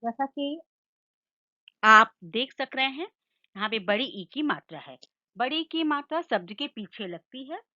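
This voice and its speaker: A woman teacher with a slightly high voice speaks very slowly and patiently, breaking each word into its sounds and explaining what it means. The recording is dull and lo-fi. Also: animated, sharp tone. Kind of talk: slow classroom lesson with call-and-repeat.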